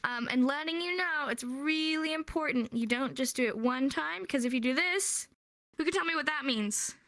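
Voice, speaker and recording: An American woman from the United States teaches a casual sign language class live in a virtual world, upbeat, encouraging and laughing often. Her voice sits high and a bit bright, moving at a moderate pace with no echo.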